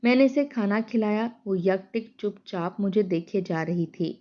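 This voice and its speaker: A woman narrating a dramatic first-person story in a steady storytelling voice. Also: mid-range voice. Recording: dull lo-fi sound.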